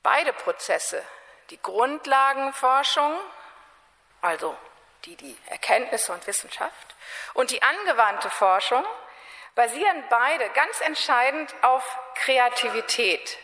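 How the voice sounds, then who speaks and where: A woman speaking from a lectern in a large hall, her bright voice sitting a little high. She talks in a measured, formal way, pausing deliberately and sometimes correcting herself, while a long reverb trails behind her words. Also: animated. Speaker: speaker giving an introductory talk. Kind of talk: formal lecture before a panel discussion.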